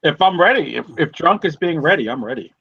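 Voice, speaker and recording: A man co-hosting a casual chat, his voice thin and tinny with no bass, like he is talking from inside a tin can. He swears freely and keeps things loose and jokey. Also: expressive, fast, gravelly, a little hiss or hum. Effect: thin, tinny sound with no bass, like a tin can. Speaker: podcast co-host. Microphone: built-in computer microphone on a call. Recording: tinny lo-fi computer mic.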